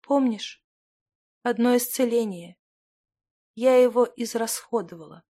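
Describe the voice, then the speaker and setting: A woman's voice: a little high, a little slow, warm tone, voice pushed up. A woman reading an audiobook voices a dying young woman who whispers faintly and with resignation. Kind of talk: audiobook character voice.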